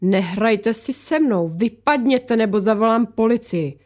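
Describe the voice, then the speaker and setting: A woman's voice: medium pitch, mellow, lightly acted. A woman voicing a tense, guarded war photographer who snaps back defensively. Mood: agitated. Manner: defensive, snapping, agitated.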